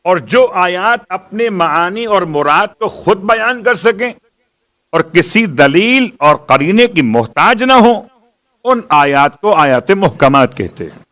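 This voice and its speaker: A man's voice: sits high, expressive, a bit bright. A man giving a religious sermon, asking questions and answering them himself and reciting Arabic verses with rising emphasis. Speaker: Shia preacher.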